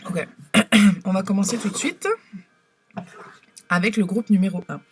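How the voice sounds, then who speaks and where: A woman's voice: medium pitch, fairly even intonation, a little slow, a little hiss or hum. A woman giving a casual tarot reading to camera, talking hesitantly with lots of fillers and restarts. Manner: hesitant, many fillers and restarts, soft-spoken. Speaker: tarot card reader.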